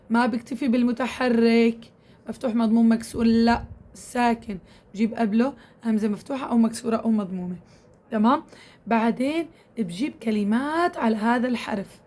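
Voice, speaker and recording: Brisk woman tutor, fairly high voice, keeps asking "okay?". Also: darkish tone. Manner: repetitive, checks in with "tamam?" often. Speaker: Quran recitation teacher. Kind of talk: casual instructional talk to women students.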